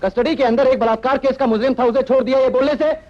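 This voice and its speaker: Strict police inspector, quick and firm, high voice, dull lo-fi film sound. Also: male voice, fairly even intonation. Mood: stern. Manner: firm, formal. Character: stern, dutiful male police inspector. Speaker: police officer. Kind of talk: Hindi film dubbing. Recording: dull lo-fi dubbed film audio.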